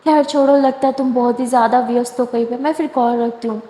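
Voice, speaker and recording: A woman's voice: fairly high pitch, fairly even intonation, mellow, lightly acted. A woman voicing a confident, teasing young woman who talks back with sass, in an echoey room. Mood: caring. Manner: teasing, sassy. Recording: echoey room with long reverb.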